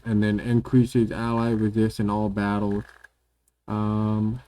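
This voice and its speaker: A man hosting a gaming video, giving relaxed, casual commentary while he plays at his computer at home, filling pauses with lots of ums and repeating words. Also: lowish voice. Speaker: gaming channel host.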